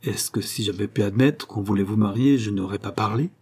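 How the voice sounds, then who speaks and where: A man's voice: lowish voice, a little fast, mellow, slightly rough. A man voicing an earnest young man declaring his love, with pleading, emphatic phrasing, in an audiobook reading.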